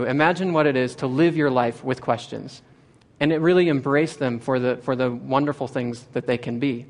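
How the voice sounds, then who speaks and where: An earnest young man from Nebraska tells a personal story in a talk. His voice sits at a middle pitch. He often restarts phrases and goes higher when he quotes what others said. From Nebraska, USA. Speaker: speaker giving a talk.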